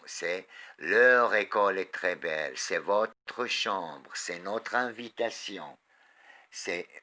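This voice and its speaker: A man with a Moroccan accent teaching a French lesson, reading words and sentences aloud slowly and quizzing his pupils. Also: low voice, bright, forceful tone. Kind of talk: slow, deliberate classroom lesson.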